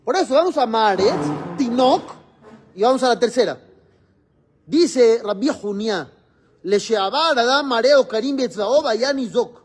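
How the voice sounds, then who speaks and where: A man's voice: very high-pitched, lively intonation, unhurried, a little hiss or hum. A man, a rabbi teaching a religious class in a classroom, explaining step by step and quizzing his students.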